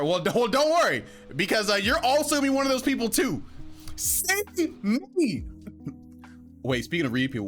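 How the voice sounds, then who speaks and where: A playful young man on a livestream, bantering with chat in a high, lively, bright voice. He teases and laughs a lot, with faint music playing under his desk mic. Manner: playful, teasing, laughs often, animated. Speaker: streamer. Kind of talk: casual chat reading viewer messages.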